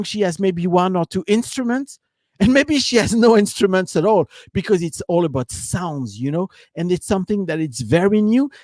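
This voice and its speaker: A French business coach from France rambles loosely through a live stream, relying heavily on "you know" and "right?". His voice sits high with a darkish tone, recorded in clean studio quality with no room sound.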